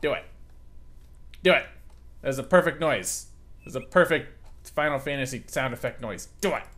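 A man's voice: mid-range voice, lively intonation, normal speed, a bit bright. A young man doing sarcastic let's play commentary, joking with the creatures in the game. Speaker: gaming commentator.

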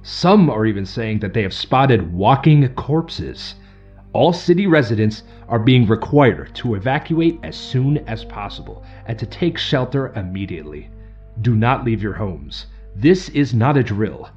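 A man voicing an emergency loudspeaker announcer. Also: medium pitch, animated, dull audio, soft background music. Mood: urgent, formal. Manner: formal, urgent, measured. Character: male emergency broadcast announcer.

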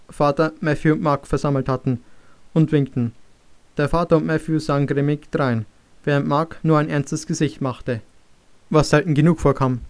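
A man reading a German youth novel aloud as audiobook narration, steady and even. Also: a little high, smooth. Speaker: audiobook reader.

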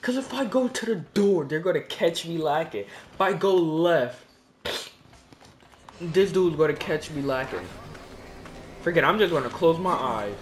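A man's voice: fairly high pitch, a little slow, pauses often. A young man giving casual, exasperated commentary while playing a horror game. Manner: animated, exasperated, yelling at the game. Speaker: gaming streamer.

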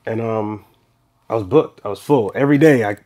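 A man in his thirties, a barbershop owner and guest, telling his story in a relaxed, rambling way with restarts, livelier when he retells scenes, seated in a small podcast studio. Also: fairly low pitch, a little fast. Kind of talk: casual interview storytelling.

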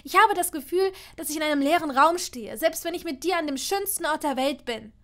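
A fiery young witch pushes every phrase hard, raising her bright, high voice with strong emphasis, as a woman reading an audiobook plays her. She sounds proud and stubborn. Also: expressive, normal speed. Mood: furious. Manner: loud, heated, emphatic. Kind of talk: audiobook reading of fan fiction.

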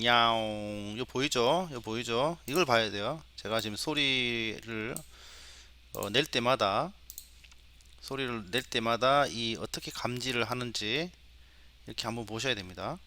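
A man's voice: medium pitch, normal speed, pushed and bright. A middle-aged male professor giving a recorded lecture demo, coaxing his students along with questions. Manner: imitates animal sounds for the mic.

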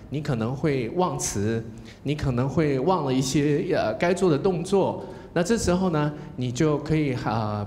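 A man speaking Mandarin with a Taiwanese accent, giving a contest judge's spoken feedback. He coaches the contestants, demonstrates pronunciation, and closes his phrases with a soft "ha". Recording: echoey hall with faint rumble.

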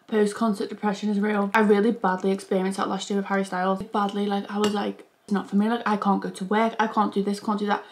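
Chatty young woman. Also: medium pitch. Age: 20s. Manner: chatty and gushing, chewing between sentences. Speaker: YouTuber. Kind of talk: casual mukbang vlog.

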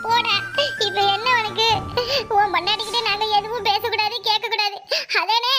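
A woman doing a shrill scheming village mother-in-law. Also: fairly even intonation, normal speed, over loud music. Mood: bitter scolding. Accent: southern Tamil Nadu. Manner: fake wailing, scolding. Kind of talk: cartoon voice acting.

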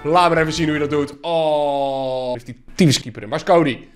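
A young man commentating his own football video game as he plays, excitable, swearing constantly and shouting when goals fall. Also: a little high, fairly quick, soft background music. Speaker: gaming YouTuber. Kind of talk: live FIFA gameplay commentary.

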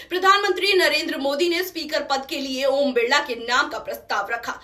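A young woman news anchor reading a scripted report in a steady, formal manner. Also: sits high, roomy sound. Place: studio.

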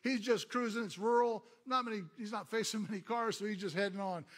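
A middle-aged man who is a pastor, preaching a sermon as an animated story and calling out to the congregation. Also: high voice, brisk.

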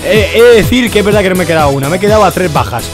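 A young man from Spain with a hoarse voice, doing excitable live commentary over his gameplay, bursting into shouts. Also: sits high, rapid-fire, over music. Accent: Spain Spanish. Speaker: gaming YouTuber.

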